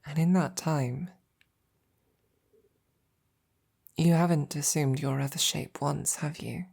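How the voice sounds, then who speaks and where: Gentle and probing in mood, this intimate ASMR roleplay features a woman as a devoted female knight, tender and teasing. She speaks softly and haltingly with affection, breathy and often whispering, her voice low-pitched, steady in tone and heavily acted.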